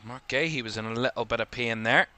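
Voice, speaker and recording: A young man with a Northern Irish accent calls a football match live, in bright, forward tones. His play-by-play comes fast and jumps up in pitch when an attack builds, then settles back into steady, mid-pitched analysis between plays. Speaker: football commentator. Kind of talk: live watchalong match commentary.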